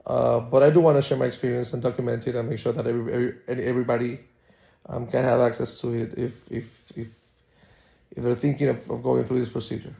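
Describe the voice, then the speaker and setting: A man talking casually to viewers in a personal vlog, subdued and measured, often pausing to search for words. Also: mid-range voice, flat delivery, creaky, warm tone. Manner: halting, searching for words with pauses. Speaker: patient recording a recovery vlog.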